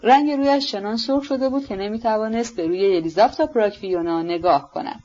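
A woman narrating an audiobook in a calm, measured voice. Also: a little high, highs cut off. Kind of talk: scripted narration.

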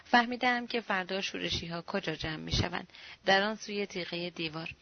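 A woman's voice: fairly low pitch, creaky, no echo, lo-fi sound. A woman reading the part of a cool, self-assured male rebel agent who gives orders curtly. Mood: confident. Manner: curt, authoritative.

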